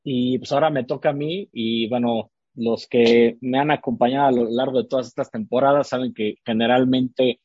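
A man's voice: medium pitch, fairly even intonation, moderate pace, hardly any pauses, husky, no echo, dull audio. A man hosting a podcast, chatting casually about books with frequent fillers and restarts. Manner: hesitant, many fillers and restarts. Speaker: podcast host. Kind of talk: casual book-recommendation chat.

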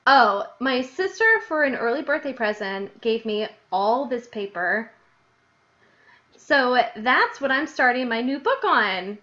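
The podcast has a dull lo-fi sound as its young host, who now lives in New Jersey after growing up in Illinois, reads from her childhood diary. Her voice is slightly high and her pace measured, and she stays animated and giggly, laughing frequently between entries.

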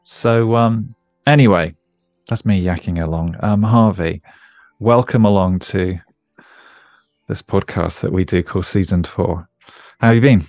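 A man's voice: sits low, unhurried, long pauses, darkish tone, dry recording, faint music behind. A man hosting a podcast interview, talking in a rambling, jokey, self-deprecating way. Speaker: podcast host. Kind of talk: casual conversational interview.

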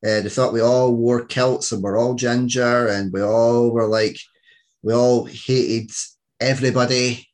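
A man's voice: medium pitch, steady tone, unhurried, darkish tone. A Scottish man hosting a podcast, chatting in a jokey way with frequent laughs and fillers. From Scotland. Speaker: podcast host. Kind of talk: casual podcast chat.

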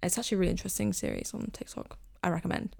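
A young woman, co-hosting a casual podcast chat, telling things in a relaxed, rambling way. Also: on the low side, rapid-fire, creaky. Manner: relaxed storyteller, rambling asides. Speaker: podcast co-host.

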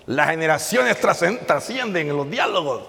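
A man, preaching an animated, joking sermon and calling out to his congregation in a church. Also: on the high side, moderate pace, creaky. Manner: animated, jokes, calls out to the congregation. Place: church hall. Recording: long reverb in a hall.

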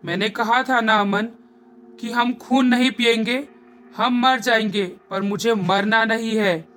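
A woman voicing a menacing vampire woman with a scary, dreadful voice, lower than her own. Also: fairly even intonation, measured pace, a bit bright.

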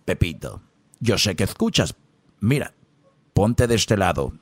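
A man voicing a stern old priest in a confessional with a low gruff voice, in a radio comedy sketch. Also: very animated, measured pace, no room sound, heavily acted. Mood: scolding.

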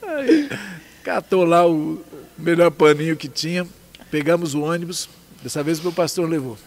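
A man's voice: on the high side, lively intonation, moderate pace, darkish tone. A man with a Brazilian Portuguese accent, casually telling his story as a guest, laughing often and acting out what people said. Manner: laughs often, acts out dialogue.

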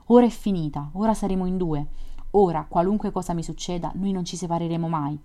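A woman reading the part of a shy, earnest young woman in a read-aloud story, with a gentle, heartfelt delivery. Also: fairly low pitch, fast, close to an everyday voice. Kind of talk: audiobook reading.

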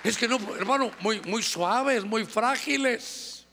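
Fervent high-voiced preacher in a reverberant hall. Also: male voice, pushed and bright, a faint crowd, a little hiss or hum. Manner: fervent, exhorting, acts out church members in quick asides. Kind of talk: sermon.

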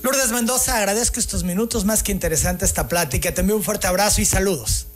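A man hosts the interview, putting his questions in a formal, courteous way. His voice sits high for a man. Soft music plays low in the background. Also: fast talker. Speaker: interviewer, host.

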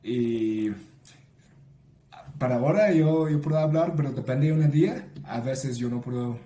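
A man from Canada, a native English speaker, answering as a podcast guest in halting Spanish with a North American English accent and grammar slips. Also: mid-range voice, warm tone, roomy sound. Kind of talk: casual interview answers.

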